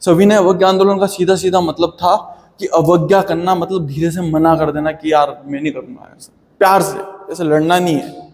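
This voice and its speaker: A man's voice: a little high, fairly even intonation, moderate pace, a little mellow, long reverb tail. A man teaching a history lesson in a chatty, friendly way, calling his students "beta". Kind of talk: classroom history lecture.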